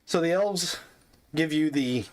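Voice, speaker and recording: A man's voice: a little high, measured pace, very noisy. A man narrating as game master in a tabletop game, in a laid-back way with chuckles.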